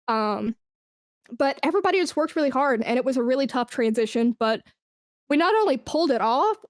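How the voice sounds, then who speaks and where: A fairly high-pitched woman chats as a podcast guest, clean and dry in the studio. Casual and informal, she's enthusiastic and emphatic about her role managing an esports brand.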